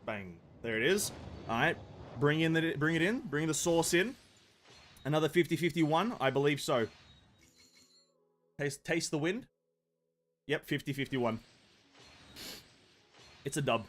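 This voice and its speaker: Deadpan mumbling young male streamer. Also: on the high side, measured pace, long pauses, slight background noise. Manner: deadpan and muttering, bursting into shouting excitement. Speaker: game streamer. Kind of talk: casual live-stream commentary.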